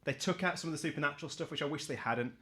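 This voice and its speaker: Fast, bright-voiced man chatting. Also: a little high. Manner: chatty, enthusiastic film opinions. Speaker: podcast co-host. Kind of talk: casual chat.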